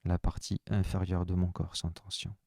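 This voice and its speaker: A man with a very deep voice guides a slow relaxation session. He speaks softly and calmly, in the first person, leading breathing and stretching. The sound is dry and close, with no room echo. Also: creaky. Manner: slow, soft, calm first-person instructions.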